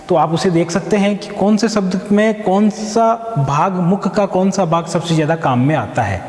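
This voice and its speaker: A man teaching a Sanskrit grammar lesson in a slow, deliberate way, drawing out conjugations and sounding out syllables. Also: sits high, darkish tone. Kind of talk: classroom-style grammar lesson. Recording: echoey room with long reverb.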